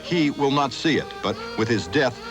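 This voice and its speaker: A man narrating a scripted news report in a solemn, measured tone. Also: mid-range voice, animated, music in the background. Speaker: news correspondent.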